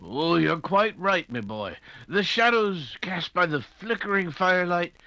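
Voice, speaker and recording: Radio-play elderly doctor played by a man: avuncular fireside storyteller, high and very animated, slightly muffled lo-fi sound. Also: unhurried, creaky, heavily acted. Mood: genial, welcoming. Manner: chuckling, avuncular, hesitant old-gentleman delivery. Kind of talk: 1940s radio acting.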